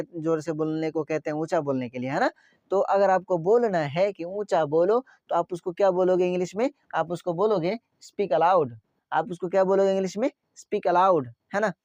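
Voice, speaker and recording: A man's voice: high voice, darkish tone, no room sound, highs cut off. A man teaching everyday English phrases to viewers. He asks questions, repeats each phrase, and keeps checking that they follow along. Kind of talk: spoken English lesson.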